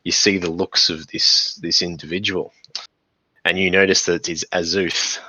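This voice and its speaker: Deep-voiced man running a tabletop game. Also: flat delivery, bright, forceful tone, no room sound. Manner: halting, searching for words. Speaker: game master. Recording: dull lo-fi recording.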